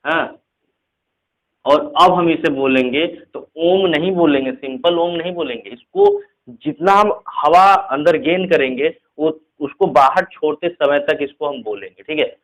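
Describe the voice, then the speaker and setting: A man teaching a casual spoken lesson. He explains slowly with repeated examples, mixes in English words, and keeps checking in with "theek hai". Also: fairly high pitch, expressive, fairly bright tone, poor audio.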